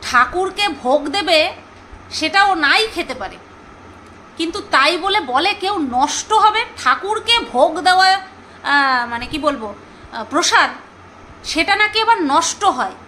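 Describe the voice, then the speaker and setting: A woman chatting casually to her viewers, gossipy and talkative, often pausing to search for names aloud. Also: very high-pitched, expressive, pushed and bright, a little hiss or hum, low-quality recording. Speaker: vlogger reviewing a serial.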